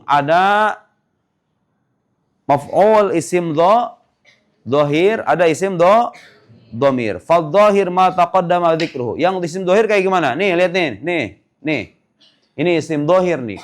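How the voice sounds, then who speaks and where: A man teaching Arabic grammar, quizzing students with quick questions and reading out examples slowly. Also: a little high, lively intonation. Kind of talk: classroom lesson.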